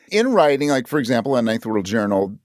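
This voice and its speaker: With a sing-song, slightly mellow delivery at a moderate pace, an audio drama writer talks as an interview guest in an average-pitched voice. He's thoughtful, often reaching for the right word and correcting himself, and the recording is dry with no room sound.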